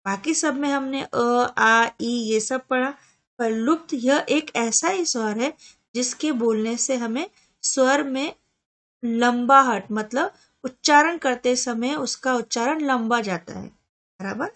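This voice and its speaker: A woman teaching grammar at a slow, careful pace. Her voice sits a little high, and she sounds out each example step by step. She often poses a question to the listener and answers it herself. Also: fairly bright tone. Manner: slow, deliberate explaining with spelled-out examples; asks the viewer questions and answers them herself. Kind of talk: Hindi grammar lesson.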